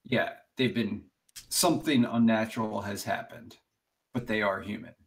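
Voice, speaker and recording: A man with a low, gravelly voice plays at a tabletop game table. He talks things through in a deliberate, explaining way. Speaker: player. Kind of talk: casual tabletop chat.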